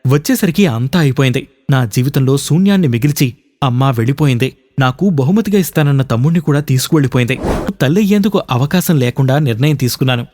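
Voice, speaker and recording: A troubled young husband in a radio storybook, haunted by an old loss, as a man reads him. He speaks in a subdued, earnest way, in a medium-pitched voice. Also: expressive, fast talker, darkish tone, natural voice. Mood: grieving.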